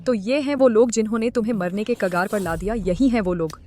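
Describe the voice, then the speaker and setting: An actress dubbing a vengeful wife back from an asylum, cold and commanding. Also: female voice, mid-range voice, fairly quick, mellow, lightly acted. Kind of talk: Hindi dub of a drama.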